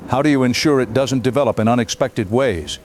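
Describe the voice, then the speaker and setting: This man's mid-range voice is brisk and a little mellow, close to how he'd normally talk, and there's slight background noise. He's playing a composed news anchor in an audio drama, questioning a guest probingly in formal broadcast style.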